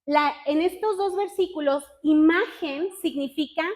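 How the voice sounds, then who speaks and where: A woman with a high voice leads a casual Bible teaching for a women's group. She talks in a chatty, self-mocking way and keeps asking her listeners questions. When she reads scripture she slows down and weighs each word. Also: a little mellow. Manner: reads scripture slowly and deliberately. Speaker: women's ministry speaker.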